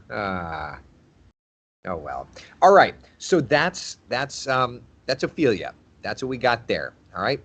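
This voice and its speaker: Thirtysomething weather guy chatting casually with viewers, voice bouncing up and down a lot. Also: medium pitch. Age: 30s. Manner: chatty, laughs easily, repeats phrases. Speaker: TV meteorologist host. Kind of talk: casual livestream chat reading viewer comments.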